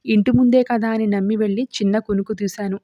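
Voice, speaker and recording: A woman's voice: medium pitch, steady tone, fast talker, dry recording, lightly acted. A woman reading as a frail, worried old grandmother. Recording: dull dry lo-fi recording.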